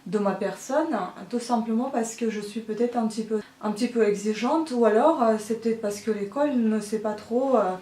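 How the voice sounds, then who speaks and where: A woman's voice: fairly high pitch, moderate pace, few pauses, warm tone, far from the mic. Hesitant woman in a roomy space. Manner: hesitant, many filler sounds; frustrated complaining. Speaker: vlogger. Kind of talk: casual monologue. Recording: roomy sound, voice from the mic.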